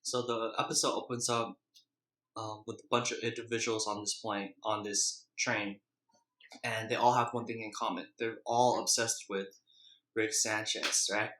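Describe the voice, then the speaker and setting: A young man with a slightly low, bright and forceful voice talks through a casual recap. His delivery is rambling and hesitant, with colloquial phrasing and very little melody. He sounds like a vlogger speaking off the cuff. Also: flat delivery, moderate pace. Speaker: vlogger reviewing a TV episode. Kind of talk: casual, unscripted episode recap. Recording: echoey, roomy sound.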